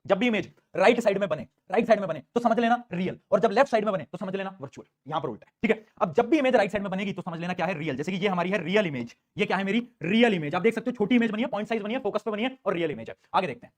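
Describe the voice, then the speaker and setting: Male tutor, high-pitched, rapid and lively lecture delivery. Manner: quick, animated teaching with repeated questions to students. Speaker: teacher. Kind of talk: online class lecture.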